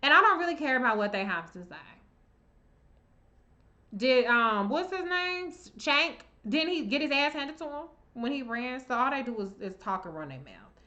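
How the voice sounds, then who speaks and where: Woman, livestream host, blunt, swears freely, chatty, bright edge, muffled low-fi sound. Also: sing-song, moderate pace. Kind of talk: live Q&A reading viewer comments.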